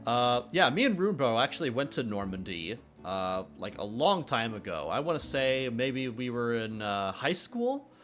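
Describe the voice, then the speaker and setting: A man's voice: medium pitch, big pitch swings, moderate pace, few pauses, fairly bright tone. A young man streaming his game development work in a casual, rambling chat. He fills his talk with hesitations, tells jokes and reads chat questions aloud. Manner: rambling, full of filler sounds and restarts. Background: faint background music.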